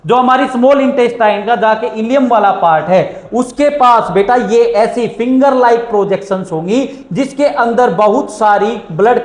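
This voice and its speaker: An Indian man teaches a science lesson in a fairly high voice. He keeps asking his class questions and answering them himself, and slows down for English lines. The room around him is echoey. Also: a little mellow. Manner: asks questions and answers them himself, calls students "beta"; reads English lines slowly. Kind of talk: classroom lecture.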